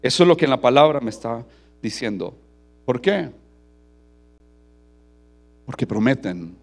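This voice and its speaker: A middle-aged man with a Costa Rican accent, preaching a sermon. He tells personal stories, tags many phrases with "¿verdad?", and builds to loud, forceful emphasis. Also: medium pitch, big pitch swings, measured pace, creaky, faint music behind. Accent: Costa Rican Spanish. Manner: frequent tag question "¿verdad?", storytelling, rising to forceful emphasis. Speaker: pastor.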